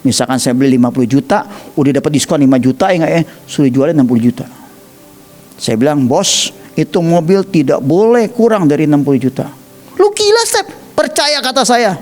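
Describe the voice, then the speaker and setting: Indonesian guy preaching, lively storyteller, faint music underneath. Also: a little high, quick pace. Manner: animated storytelling, acts out quoted voices, addresses listeners as 'saudara'. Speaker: evangelist preacher. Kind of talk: sermon.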